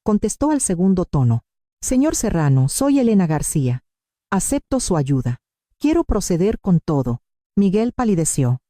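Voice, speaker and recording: Dark-voiced woman narrating a story. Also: on the low side, sing-song, normal speed, no echo. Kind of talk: scripted first-person narration.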